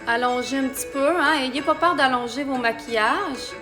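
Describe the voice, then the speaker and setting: A woman's voice: high voice, normal speed, music in the background. A woman with a Québécois accent giving a chatty live makeup tutorial and talking viewers through each step. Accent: Québécois French. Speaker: makeup artist.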